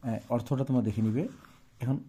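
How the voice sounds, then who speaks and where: A man with a Bangladeshi Bengali accent teaching a textbook lesson to young pupils on a phone, explaining terms slowly and checking often that they follow. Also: medium pitch, steady tone, warm tone, breathy edge.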